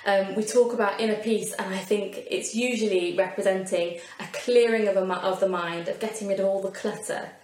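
A woman's voice: mid-range voice, steady tone, fairly quick, hardly any pauses, darkish tone. A woman with a Yorkshire accent preaching a sermon in an earnest, conversational way with light asides. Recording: roomy echo.

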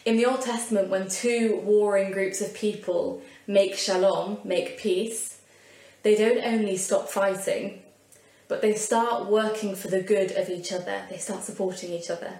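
A woman with a Yorkshire accent preaches a sermon in a mid-pitched voice. She talks in an earnest, conversational way and drops in light asides. Her voice rings in a roomy, echoing space. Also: steady tone, a little slow, darkish tone. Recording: roomy echo.

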